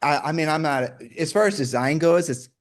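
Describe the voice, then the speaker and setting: A man's voice: on the high side, fairly quick. A man hosting a casual car talk show, joking and steering the segments. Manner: jokey, runs the segments. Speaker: podcast host. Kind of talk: casual chat.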